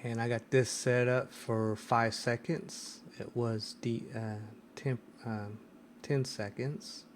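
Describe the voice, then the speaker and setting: A man's voice: mid-range voice, level tone, slow pace, slight background noise. A man hosting a casual screen-recorded tech tutorial, hesitant and full of ums and restarts. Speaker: tech video host.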